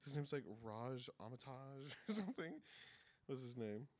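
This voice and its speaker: A man's voice: mid-range voice, lively intonation, moderate pace, dry recording. A young man with a mid-range voice tells a story in casual podcast talk. He is laid-back, swears and laughs often, and the sound is dry and close-miked. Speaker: podcast co-host. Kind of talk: casual chat.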